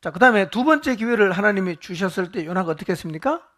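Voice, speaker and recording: A man's voice: high voice, animated, quick pace, a bit bright. A male pastor teaching a Bible study sermon, asking the congregation questions and joking with them.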